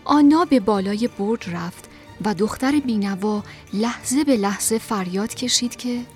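A woman's voice: medium pitch, darkish tone, faint music behind. A woman narrating a storybook expressively, at times dropping to a whisper.

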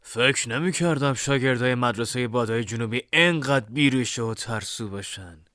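A man's voice: mid-range voice, fairly bright tone, no echo, studio quality, close to an everyday voice. A man voicing a cold, mocking young male rival. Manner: cold, sneering.

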